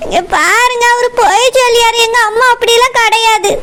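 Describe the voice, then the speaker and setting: A woman's voice: very high voice, fairly quick, a bit bright, a little hiss or hum. A woman voicing a tearful young wife in a cartoon, with a Kanyakumari Tamil accent, crying and pleading. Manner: crying and pleading, defending her mother. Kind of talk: cartoon voice acting.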